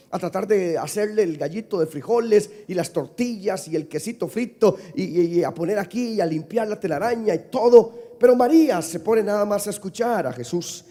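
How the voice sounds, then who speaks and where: A male pastor preaching from the pulpit, his voice sitting high for a man. He leads the congregation in call-and-response and climbs to shouted peaks. The sound rings with a long church-hall reverb. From Costa Rica. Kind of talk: sermon. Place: church sanctuary.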